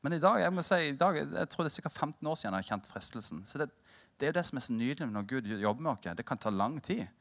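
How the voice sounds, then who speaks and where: A male preacher in his thirties delivers a sermon as a personal story. His voice swings widely in pitch as he jokes with the room, then drops low and earnest for the point. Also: creaky. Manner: storytelling, animated and humorous with the congregation.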